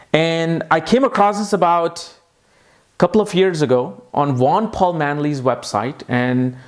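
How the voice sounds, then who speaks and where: This astrology teacher, a man whose voice sits slightly high, walks through a lesson with eager emphasis. Important points get repeated so they stick.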